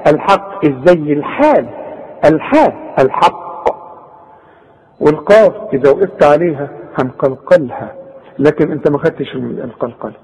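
A man's voice: on the high side, lively intonation, fairly quick, darkish tone, slightly rough. A man with an Egyptian Arabic accent teaching Quran recitation rules, drilling sounds and correcting the pronunciation of mistakes in a chiding, hands-on way. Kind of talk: tajweed lesson with corrections. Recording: echoey, dull lo-fi tape recording.

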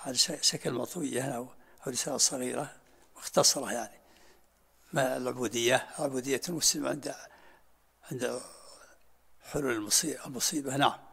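Older sheikh, raspy and husky, quick delivery, lesson style. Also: male voice, mid-range voice, fairly even intonation, bright, forceful tone. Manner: explains in short repeated phrases, answers questions. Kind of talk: religious lesson with Q&A.

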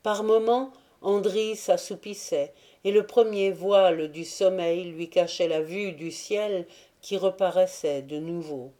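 Slow, dark-voiced woman reading a novel. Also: lowish voice, steady tone. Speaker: audiobook reader. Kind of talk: scripted narration.

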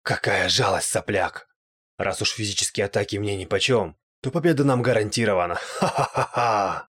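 A man's voice: lowish voice, brisk, fairly bright tone, breathy edge. A man voicing a gloating, spiteful male ghost in an audiobook, with a raised, strained, taunting voice.

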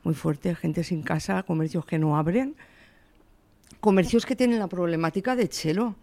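Speaking at normal speed with a warm, lowish voice, a shop owner in her sixties from Valencia, Spain, answers an interview earnestly and emphatically, quoting her own words. There's no room sound in the recording.

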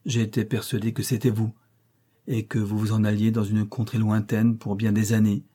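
A man's voice: fairly low pitch, little pitch movement, moderate pace, mellow, breathy edge. A man reading an earnest young governess. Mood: troubled. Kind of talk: audiobook reading of a classic novel.

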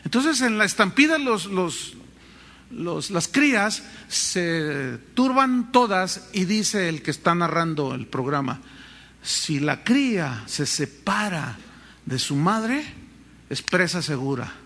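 A pastor preaches with a high, bright, ringing voice. He swings his pitch widely as he tells animated stories and acts out voices. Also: slow, creaky. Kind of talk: sermon.

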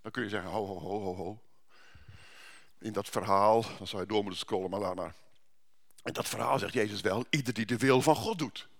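A man's voice: on the low side, a little fast, long pauses. A male pastor giving a sermon at a church service, conversational, with rhetorical questions and frequent restarts.

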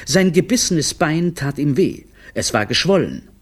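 A man narrating a children's audiobook with a lively, expressive reading. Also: on the high side, measured pace.

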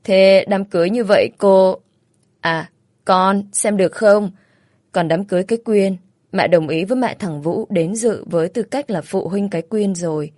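A woman's voice: medium pitch, moderate pace, a little mellow, no room sound, clean studio sound, natural voice. Woman voicing a bossy caring older mother-in-law. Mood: teasing. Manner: bossy, practical, scolding kindly.

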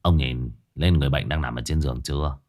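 A man voicing a stern, gruff ghost-hunting master. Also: rumbling low, fast talker, pitched below the performer's own voice. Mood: grim.

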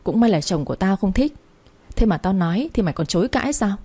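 A woman's voice: medium pitch, animated, quick pace, warm tone, slightly rough. A woman voicing a furious, jealous young wife who snarls insults.

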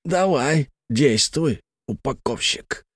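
A man voicing a male intruder who threatens in a hoarse whisper, with a faint foreign accent. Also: mid-range voice, animated, takes it slowly, no room sound, clean studio sound, pitched above the performer's own voice, heavily acted. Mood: taunting.

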